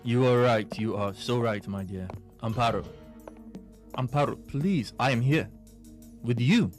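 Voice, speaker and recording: A man's voice: mid-range voice, a little slow, faint music behind, lightly acted. A man dubbing a telenovela, playing a sarcastic older father. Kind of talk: dubbed telenovela acting.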